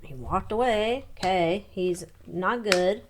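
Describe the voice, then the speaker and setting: Slow-paced woman doing a psychic tarot reading. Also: medium pitch, a little hiss or hum. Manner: halting, muttering questions and short verdicts to herself. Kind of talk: informal psychic tarot reading, thinking aloud.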